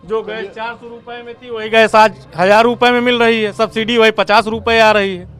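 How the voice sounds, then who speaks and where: A man's voice: high-pitched, flat delivery, normal speed, a bit bright. A man complaining emphatically during a roadside interview. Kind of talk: street vox pop. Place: roadside outdoors.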